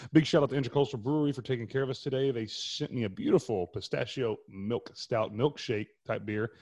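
A man's voice: medium pitch, a little fast, a little mellow, breathy edge. An American man co-hosting a podcast in casual, chatty banter. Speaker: podcast co-host.

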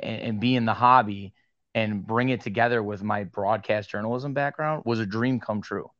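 Guest spot: young Western New York man, animated storyteller, dry close sound, a bit muffled. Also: mid-range voice, no echo. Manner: animated storyteller, quick asides. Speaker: podcast guest, sports card media host. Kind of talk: casual interview chat.

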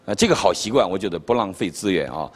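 An older man from China preaching a sermon at a conference, telling stories with humor in an animated way. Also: deep voice, fast. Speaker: pastor. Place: conference hall. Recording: reverberant hall.

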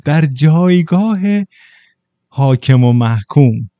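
A man's voice: mid-range voice, animated, dark tone, dry recording, dull audio. A man, co-hosting a podcast, telling a long anecdote in casual chat and slipping in English loanwords. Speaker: podcast co-host.

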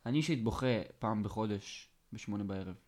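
A man co-hosting a casual podcast chat, a joking storyteller who talks in a lively, teasing way. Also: lowish voice. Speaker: podcast co-host.

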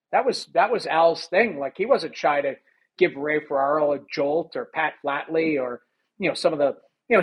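A man with a somewhat raised voice tells his stories in a casual interview. He is animated and rambling, and he lays fillers all through his talk. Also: a little high, breathy edge, rough recording. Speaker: former hockey goalie, guest.

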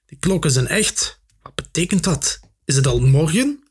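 A man's voice: on the high side, very animated, normal speed, breathy edge, heavily acted. A man voicing a bold, curious young male adventurer in a storybook reading. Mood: puzzled.

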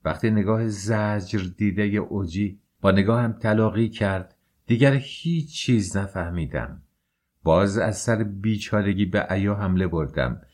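Male audiobook narrator, low voice, measured and emotional first-person delivery. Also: darkish tone. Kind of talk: scripted narration.

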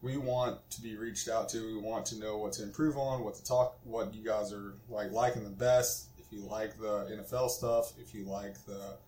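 A man's voice: fairly low pitch, fairly even intonation, normal speed, few pauses, a little mellow. Rambling young man in an echoey room. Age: 20s. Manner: rambling, filler-heavy, laughs easily. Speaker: podcast co-host. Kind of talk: casual podcast chat.

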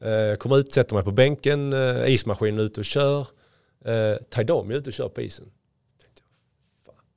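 A man's voice: medium pitch, gravelly, pauses often, a little mellow, smooth. A man in his forties, a former player turned coach, telling anecdotes in a casual podcast and acting out what others said.

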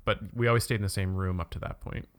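A man's voice: fairly low pitch, fairly even intonation, fast, fairly bright tone. A man from Canada chatting casually about school, full of filler words and blunt swearing. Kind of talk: casual chat.

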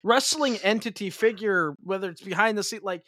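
A man's voice: high voice, fairly quick, a bit bright, no room sound. A man co-hosting a podcast, chatting casually about wrestling with lots of fillers and restarts. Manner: rambling, many fillers and restarts. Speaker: podcast co-host.

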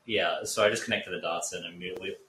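A man's voice: low-pitched, steady tone, fast, bright, forceful tone, distant mic. A young man co-hosting a podcast, telling stories in a laid-back, wry way. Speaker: podcast co-host. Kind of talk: casual chat. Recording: echoey room, faint ambience.

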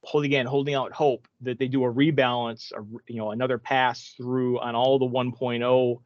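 A man's voice: medium pitch, little pitch movement, normal speed, dry recording, lo-fi sound. A man co-hosting a gaming podcast, talking casually and rambling with many restarts. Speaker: podcast co-host. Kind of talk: casual chat.

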